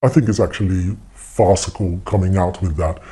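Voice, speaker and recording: A man speaking with his voice disguised to sound deep, a hospital consultant giving a frank news interview. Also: moderate pace, warm tone, husky.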